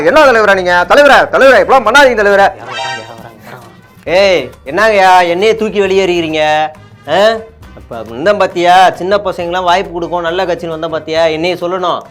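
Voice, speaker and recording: A man's voice: high voice, rapid-fire, sharp tone, soft background music, voice pushed up. A man playing an aggrieved middle-aged party loyalist who begs his leader for a post and then curses him. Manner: pleading then cursing, repeats "leader".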